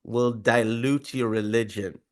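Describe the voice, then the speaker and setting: Brief: a man doing a South African surgeon, older, blunt, slow measured advice. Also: medium pitch, steady tone, natural voice. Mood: advising.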